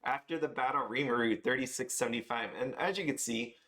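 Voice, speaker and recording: A man's voice: mid-range voice, fairly quick, pushed and bright. A man hosting a casual card game video, talking loosely with many fillers, tired after waking very early. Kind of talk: casual spoken price review.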